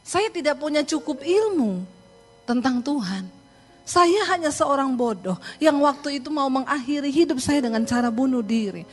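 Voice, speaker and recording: Lively higher-voiced woman preacher. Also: normal speed, faint music behind. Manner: lively, laughing storyteller addressing the congregation. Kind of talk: sermon with personal stories.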